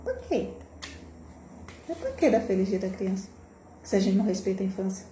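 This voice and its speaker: A Brazilian woman educator hosting a live stream, talking with passion and rhetorical questions, sometimes jumping high to mimic scolding adults. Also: animated, quick pace, dark tone. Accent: Brazilian Portuguese. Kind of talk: impassioned live-stream talk. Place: home room, recorded for a social media live. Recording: echoey room with faint background noise.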